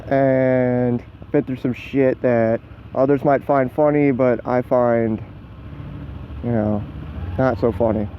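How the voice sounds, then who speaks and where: Riding his motorcycle down the road, a twenty-something American man chats unscripted, taking it slowly with a medium pitch and fairly even intonation. He rambles, runs himself down, and swears casually, with a muffled helmet mic catching engine and road noise.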